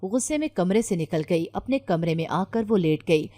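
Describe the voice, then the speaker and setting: A woman storyteller reading a scripted moral story in a steady, even way. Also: on the low side.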